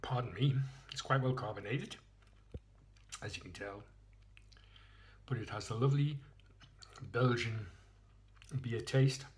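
Man, casual beer-tasting vlog, rambling, self-mocking, handheld phone video, mid pitch. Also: measured pace, pauses often. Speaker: beer reviewer.

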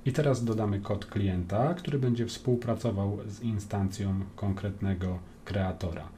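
A man with a Polish accent walks through code in a screen-recorded programming lesson, calm and methodical, often pausing on a drawn-out "e". His voice sits low and sounds dark and mellow. Faint room hiss and keyboard typing sit under the narration. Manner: calm, explains step by step with frequent "e" hesitations. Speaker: programming tutor. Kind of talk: screen-recorded coding tutorial.

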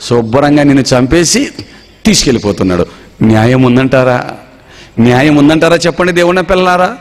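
A male preacher with an expressive mid-range voice, speaking a little fast, delivers a dramatic sermon. As a dramatic storyteller, he acts out everyday scenes and dialogue and puts questions to the congregation. The recording has a long reverb.

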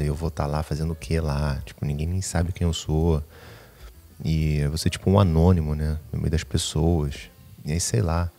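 A young man with a very low voice rambles through a casual confessional vlog, anxious and jittery. He keeps cutting himself off and swears casually, with faint music playing underneath. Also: dark tone. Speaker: vlogger.

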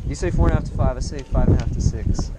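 A young man vlogging while fishing on a pier, teasing his friend in casual, excitable banter. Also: medium pitch, very fast, heavy background noise. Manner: teasing, trash-talking, excitable. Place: covered fishing pier on a lake, outdoors.

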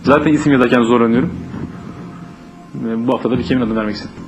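A man's voice: mid-range voice, fairly even intonation, very fast, lo-fi sound, over music. A man reality show contestant plainly explaining his vote.

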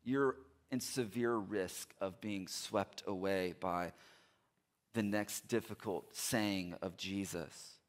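A middle-aged man preaching a sermon from a large indoor church stage through a headset mic. He talks with earnest emphasis and repeats his key phrases, pressing hard at times and softening into quiet appeals at others. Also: deep voice, slow. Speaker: pastor.

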